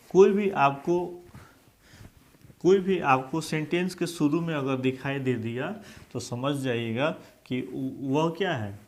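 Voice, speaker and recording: A male English grammar teacher with a Hindi accent and a somewhat high voice runs a classroom-style lesson, often asking questions so students will answer aloud.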